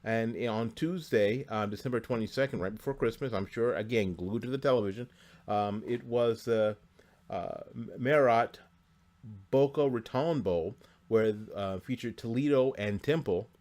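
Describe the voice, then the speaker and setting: A man's voice: mid-range voice, normal speed, darkish tone. A man hosting a sports talk show in a studio, chatting casually through college bowl game scores with asides and frequent fillers. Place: studio near Tampa Bay.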